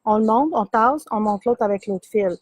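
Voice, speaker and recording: A woman's voice: on the high side, normal speed, darkish tone. A middle-aged woman with a Québécois French accent, chatting casually as she shows yarn and sock blanks on a live stream, full of fillers and easy laughs. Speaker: yarn shop host. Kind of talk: casual live product demo.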